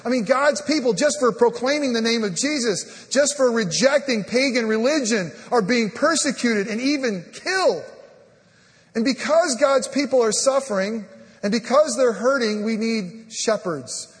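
A high-pitched male pastor preaches with animated swings from loud emphasis to a near whisper, acting out the dialogue of scripture. He leans on the filler "I mean". His voice rings with the long reverb of a church hall. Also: moderate pace. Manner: animated preaching, voice rising and dropping to a hush. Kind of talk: sermon. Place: church sanctuary.

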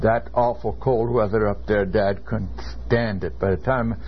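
A man's voice: on the low side, fairly even intonation, slight background noise. An older man from California, a seminary professor, lecturing earnestly and telling stories from his own life. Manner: measured, earnest, anecdotal. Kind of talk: classroom lecture with personal storytelling. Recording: dull lo-fi lecture recording.

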